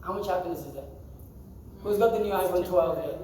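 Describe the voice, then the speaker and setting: Crowd noise surrounds a man with a high-pitched voice talking fairly quickly as he teaches scripture to a group in a temple hall. He speaks in a casual way, quizzing his audience and laughing frequently; the recording is echoey, with a distant mic.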